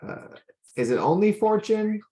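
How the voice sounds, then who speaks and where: A man's voice: high-pitched, big pitch swings, a little slow, warm tone. A man chatting and improvising as a player in a tabletop role-playing game. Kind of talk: casual improvised game chat.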